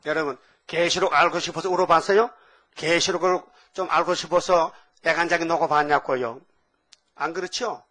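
A man's voice: fairly high pitch, moderate pace. An older man preaching a sermon, asking the congregation question after question. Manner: animated, asks the audience questions.

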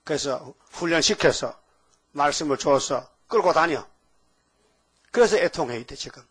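An older man preaching a sermon, asking rhetorical questions and breaking into sudden emphatic loud rises. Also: on the high side, lively intonation, normal speed, slightly rough. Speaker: pastor.

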